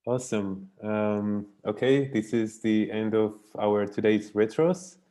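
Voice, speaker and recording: A soft-spoken man leading a video call meeting, hesitant and full of fillers. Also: fairly low pitch, slow. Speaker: meeting facilitator.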